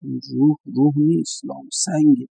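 A man's voice: on the high side, steady tone, gravelly, warm tone, husky, dry recording, soft background music, poor audio. A middle-aged man, preaching a sermon, often repeating phrases for emphasis and quoting Arabic. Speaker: cleric.

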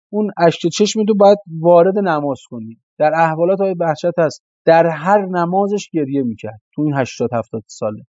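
Delivering a sermon, a male preacher uses rhetorical questions and repetition for emphasis. His voice is a little high with a dark tone, captured without echo in a dry, somewhat dull lo-fi recording.

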